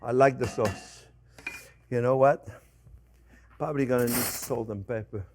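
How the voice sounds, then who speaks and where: Background noise sits behind an older cooking-show host who speaks at medium pitch, unhurried and with fairly even intonation. He chats casually and animatedly with viewers as warm friends, often repeating short phrases while demonstrating.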